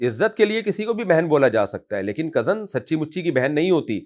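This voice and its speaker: Forceful man giving a scolding religious talk. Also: on the high side, big pitch swings. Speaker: Islamic scholar answering questions.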